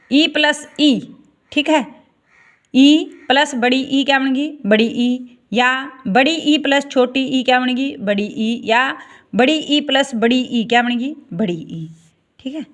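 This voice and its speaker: A woman's voice: on the high side, a bit bright. A woman teaching a Hindi grammar class, spelling out vowel sounds one by one and checking with students as she goes. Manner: slow, repeats "ठीक है" and asks checking questions.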